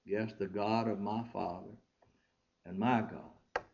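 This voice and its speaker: A man preaching a sermon with fervent delivery, repeating words and trailing off softly. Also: fairly low pitch, fairly even intonation, slow pace, muffled recording. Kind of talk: sermon to ministers.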